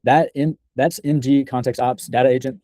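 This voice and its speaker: Young man, soft mellow tone, dry close sound, measured demo narration, slightly halting. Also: mid-range voice, fairly even intonation, no echo. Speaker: software developer presenting a project.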